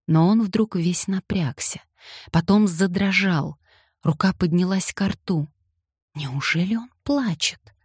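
A woman giving a slow, dramatic audiobook narration. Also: on the low side, darkish tone, slightly rough, no echo, clean studio sound. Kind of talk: scripted narration.

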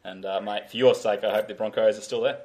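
A man hosting a sports podcast, brisk and jokey in casual chat. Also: on the low side, steady tone, a little mellow, a little hiss or hum. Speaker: host.

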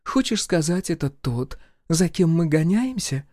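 A man's voice: a little high, very animated, unhurried, darkish tone, no echo, clean studio sound, voice pushed up. A man voicing a hot-tempered young woman fighter, snapping and scornful, in an audiobook. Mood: probing. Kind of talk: audiobook character voice.

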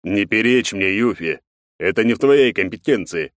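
A cold, contemptuous emperor who speaks slowly and growls his scorn, as a male narrator voices him. He is read from a storybook in a dry, close recording. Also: on the low side, expressive, no echo, natural voice.

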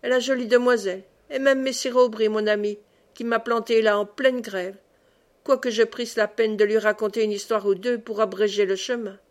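A woman's voice: on the high side, steady tone, normal speed, close to an everyday voice. A woman reading as a chatty, rambling monk. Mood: jovial. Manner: rambling, digressive, pleading. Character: chatty jovial male monk, storyteller.

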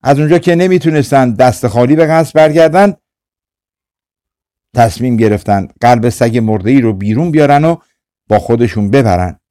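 Male audiobook narrator, mellow tone, dry close-mic studio sound, calm measured folktale reading. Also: medium pitch, dry recording. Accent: Persian. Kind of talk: scripted storytelling narration.

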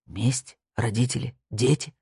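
A narrator doing a weary, evasive retired judge. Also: female voice, steady tone, measured pace, gravelly, dark tone, slightly rough, no echo, clean studio sound, heavily acted. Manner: low, muttering, weary.

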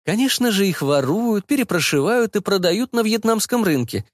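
A man's voice: sits high, big pitch swings, moderate pace, no room sound, clean studio sound, voice pushed up. Man putting on a bossy doting mother. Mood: insistent. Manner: insistent, scolding, fussy. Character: bossy, doting, meddling middle-aged mother.

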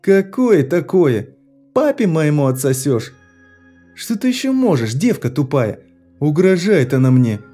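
A man reading an audiobook, voicing a spiteful teenage boy who screams taunts and breaks into a shrill falsetto. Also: sing-song, measured pace, warm tone, soft background music. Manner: screaming taunts, mocking simpering put-on voice.

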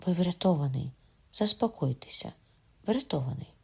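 A man reading an audiobook voices a young queen, hushing and urgent, with a gravelly edge to his voice. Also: high voice, lively intonation, normal speed, voice pushed up, heavily acted. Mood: soothing. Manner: urgent, hushed then sharp. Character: young woman, a queen, frightened yet commanding.

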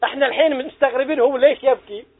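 A man's voice: extremely high pitch, fairly even intonation, rapid-fire. A middle-aged man, giving a religious lesson to young people in an earnest, exhorting way and putting questions to his listeners. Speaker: preacher teaching young people. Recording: tinny phone-like recording.

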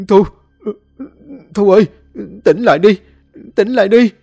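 A man playing a crude, hot-tempered young man who shouts in a hurry. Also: mid-range voice, huge pitch swings, fairly quick, slightly rough, soft background music, exaggerated voice. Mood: frantic.

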